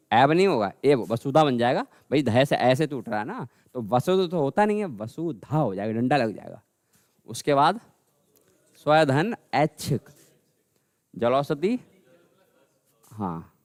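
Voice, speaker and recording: A man teaching a grammar lesson, repeating words slowly and calling his students "bhai". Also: medium pitch, no room sound. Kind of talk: classroom lesson.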